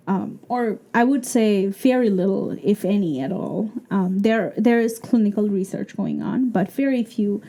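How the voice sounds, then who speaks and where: A Bangladeshi PhD student with a Bangladeshi accent answers an interview question, explaining her research thoughtfully and using many fillers. Her voice is medium-pitched and mellow.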